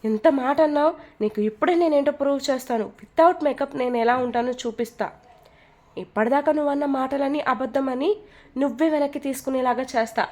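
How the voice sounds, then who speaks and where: A woman voicing a proud, quick-tempered young woman who snaps back indignantly, in a told romance story. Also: high voice, lightly acted. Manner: indignant, sharp-tongued.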